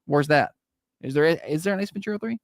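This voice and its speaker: A man's voice: a little high, expressive, fast talker, no room sound, studio quality. A man hosting a morning radio show, switching between casual, blunt, joking banter and announcing. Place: dry radio studio.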